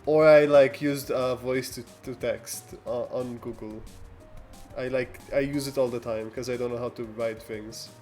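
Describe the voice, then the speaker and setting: A man with a steady, slightly mellow mid-range voice hosts a relaxed livestream with music in the background. He reads live comments and responds, rambling and hesitant, often restarting and laughing.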